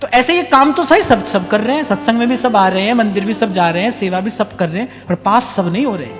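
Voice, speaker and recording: High-pitched man preaching in a hall. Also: animated. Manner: conversational, repeats key lines for emphasis, stretches words slowly. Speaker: spiritual teacher giving a discourse. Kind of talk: devotional sermon. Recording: reverberant hall with faint music.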